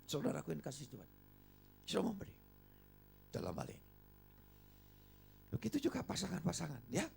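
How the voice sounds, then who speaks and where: An older man preaching a sermon, animated and coaxing the congregation to respond. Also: a little high, moderate pace, creaky, long pauses, slight background noise. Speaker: pastor. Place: church service.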